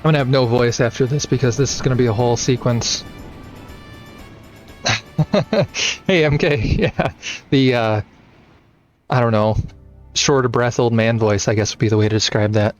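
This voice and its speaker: A male streamer chatting over his game in rambling, self-deprecating asides. His voice sits at a middle pitch and sounds slightly dull, with faint game music underneath. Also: moderate pace, long pauses. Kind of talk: casual game commentary.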